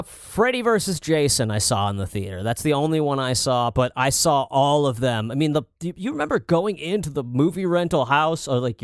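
A man co-hosting a podcast in relaxed casual chat, swearing offhandedly as he talks. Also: mid-range voice, no room sound, clean studio sound. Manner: relaxed, swears casually, quick to laugh along. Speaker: podcast co-host.

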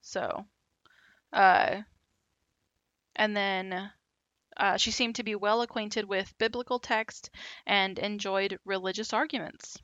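Woman host telling a story, bright forceful voice, laid back, kinda muffled dry audio. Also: medium pitch, slow pace, long pauses, no echo. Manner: relaxed, with many fillers and asides. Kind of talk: casual storytelling chat.

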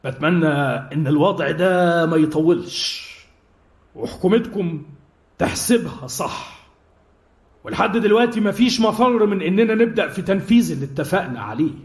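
An actor playing a cruel mercenary major who gives orders in a calm, menacing way. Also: male voice, high voice, moderate pace. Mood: coldly calm. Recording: roomy echo with music underneath.

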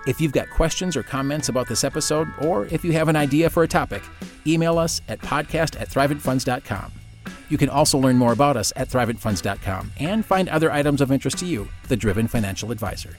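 A man's voice: medium pitch, animated, fast talker, soft background music. A man hosting a podcast, reading scripted financial narration. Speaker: podcast host.

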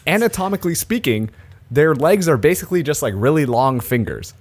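A man's voice: a little high, fairly quick. A man co-hosting a casual comedy podcast, reading out odd news stories and laughing often. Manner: animated storyteller, laughs often. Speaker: podcast co-host.

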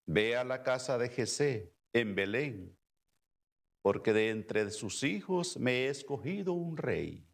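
A man's voice: mid-range voice, gravelly. A man reading scripture aloud as a lector at Mass in a solemn style.

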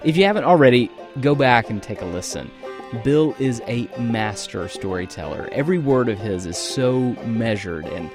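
A man's voice: mid-range voice, expressive, moderate pace. A man hosting a podcast, giving a scripted introduction that speaks admiringly of his guest. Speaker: podcast host. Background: guitar music.

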